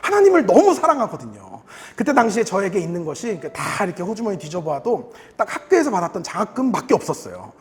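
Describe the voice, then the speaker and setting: A young man preaching a sermon, telling a personal story in an animated way and acting out his younger self with laughter. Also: high voice, fast talker, few pauses. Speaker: pastor. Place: church sanctuary. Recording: reverberant church hall.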